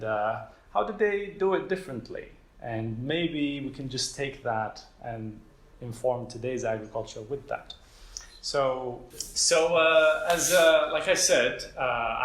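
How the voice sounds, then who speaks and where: A man's voice: mid-range voice, fairly bright tone. A young man from Morocco, a PhD student, giving an informal talk to an audience, hesitant with many fillers and a self-deprecating manner. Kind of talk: informal lecture. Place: lecture room with an audience. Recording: echoey room, faint ambient noise.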